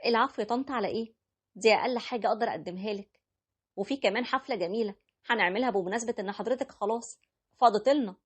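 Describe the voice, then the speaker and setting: A woman voicing a gentle young bride. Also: on the high side, racing, husky, voice pushed up. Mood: gracious. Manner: soft, polite pleading. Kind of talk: storytelling with character voices.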